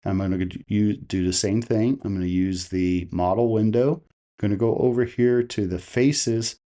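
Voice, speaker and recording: Narrating an instructional tutorial about holiday light displays, a male host explains each step and asks the listener questions. He speaks at a moderate pace in a lowish, warm voice.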